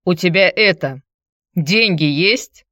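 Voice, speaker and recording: A woman's voice: lowish voice, animated, slow pace, a bit bright, no echo, clean studio sound. A woman doing a grumbling drunk laborer. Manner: grumbling, wheedling, pushy. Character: grumbling hard-drinking man, broke laborer.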